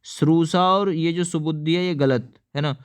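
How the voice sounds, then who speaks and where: Smooth-voiced man teaching a lesson. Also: a little high, moderate pace. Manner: explains step by step, often asks viewers to answer. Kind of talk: exam-prep lesson.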